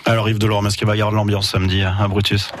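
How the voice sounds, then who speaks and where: A man hosting a radio sports show, asking brisk questions. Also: on the low side, flat delivery, a little hiss or hum.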